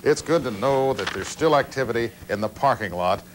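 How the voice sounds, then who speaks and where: Heard on noisy old TV broadcast tape, an older man hosts a call-in show in a small studio, his mid-range voice expressive and a little fast as he chats in a casual, folksy, dry-humored manner.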